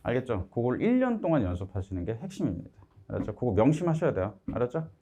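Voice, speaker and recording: A man's voice: mid-range voice, fast talker, breathy edge. A middle-aged man teaching a math class. He talks to the students directly and keeps checking that they follow him. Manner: lively, keeps asking "알았죠?" to check understanding; acts out students' complaints in a raised voice. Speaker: math instructor. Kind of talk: lecture to students.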